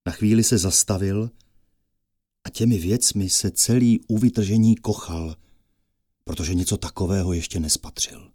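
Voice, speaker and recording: A man narrating a fairy tale with lively storytelling that rises with the action. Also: deep voice, dry recording, clean studio sound.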